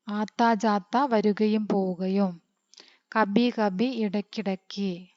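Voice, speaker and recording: Slow-reading female teacher, dull lo-fi sound. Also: medium pitch, darkish tone, no room sound. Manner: reads Hindi slowly, then glosses word by word quickly. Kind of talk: online Hindi lesson explained in Malayalam.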